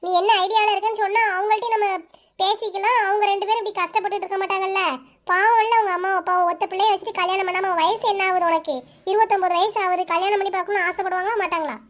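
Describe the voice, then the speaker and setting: A bossy young village neighbor, voiced by a woman, fires off words in a very high, fast voice. She scolds sharply but means well. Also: fairly even intonation. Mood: scolding. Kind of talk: cartoon voice-over.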